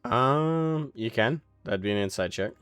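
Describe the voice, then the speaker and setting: A man narrating as game master of a tabletop game, pausing often with fillers as he describes scenes. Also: mid-range voice, animated, fairly bright tone, clean tone, no room sound, soft background music. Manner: halting, filler-heavy descriptions.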